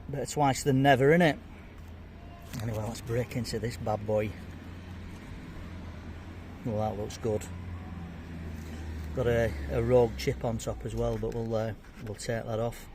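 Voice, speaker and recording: A chatty, jokey man reviews fish and chips to camera from an outdoor table, his voice sitting at a middle pitch. Faint street and traffic noise hums behind him. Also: steady tone, moderate pace. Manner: chatty, jokey, talks while eating. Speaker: food vlogger. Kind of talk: casual food review to camera.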